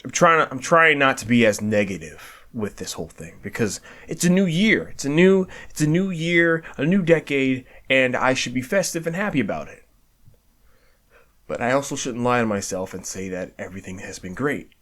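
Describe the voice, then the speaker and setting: A man's voice: medium pitch, animated, normal speed, fairly bright tone. A man giving a candid year-end reflection, stammering and restarting often, swearing casually, earnest and self-deprecating. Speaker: video creator.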